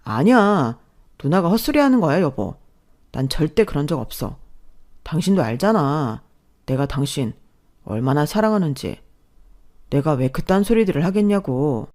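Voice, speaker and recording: A woman's voice: low-pitched, very animated, normal speed, long pauses, darkish tone, voice pushed down. A woman voicing a cowering male lawyer husband who stammers and pleads. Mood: pleading.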